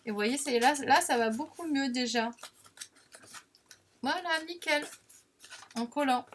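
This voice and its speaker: A woman's voice: sits high, a little slow, slight background noise. A woman chatting casually while demonstrating a paper craft, self-deprecating and full of little filler words. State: has the hiccups. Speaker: crafting vlogger.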